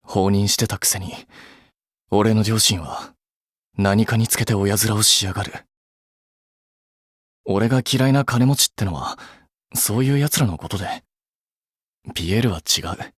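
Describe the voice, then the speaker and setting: A man with a lowish, slightly rough voice plays an earnest young anime-game idol who is blunt but caring. He speaks unhurriedly in casual, clipped, polite phrasing, pausing often with flustered hesitations, and his serious, earnest mood comes a little awkwardly. The recording is clean studio sound with no echo.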